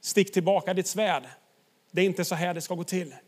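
A man preaching, voicing Jesus in a quiet, solemn tone, in a sermon retelling. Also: sits high, fairly even intonation, lightly acted. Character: calm, gentle man, Jesus.

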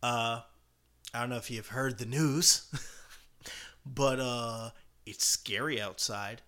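A man hosting a podcast alone with casual commentary, talking in a halting way as he thinks aloud. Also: mid-range voice, sharp tone. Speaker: podcast host.

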